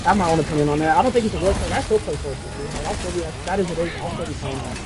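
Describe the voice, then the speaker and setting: A young man streaming casually, reading chat and rambling excitably with lots of "dude" and "bro". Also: fairly high pitch, very fast.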